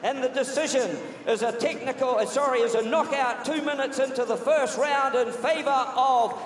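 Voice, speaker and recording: A man with a New Zealand accent announcing a boxing bout with drawn-out showman calls. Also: very high voice. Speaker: ring announcer. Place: large indoor arena, over PA. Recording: echoey arena PA from far off, crowd noise.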